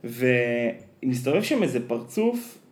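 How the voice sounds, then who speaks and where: Podcast host, man, mid-pitch, lively rambling storyteller, roomy echoey sound. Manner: animated storyteller, many fillers. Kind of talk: casual chat. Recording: roomy echo.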